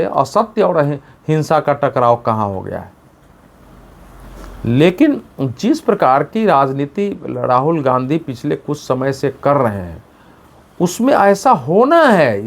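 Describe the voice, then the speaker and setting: A middle-aged man delivers a political commentary as a senior journalist, speaking emphatically. He often breaks off and restarts words mid-sentence. His pitch sits in an ordinary middle range. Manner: emphatic, mimics slogans with rising pitch; frequent self-corrections mid-word.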